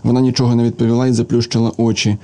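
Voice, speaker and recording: A man reading a literary story aloud as an audiobook, in steady, measured narration. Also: medium pitch. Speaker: reader.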